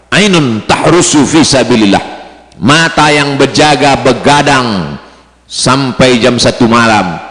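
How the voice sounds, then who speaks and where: A male preacher giving a sermon to pilgrims, rising into high chanted Arabic phrases and dropping low and quiet. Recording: echoey hall sound.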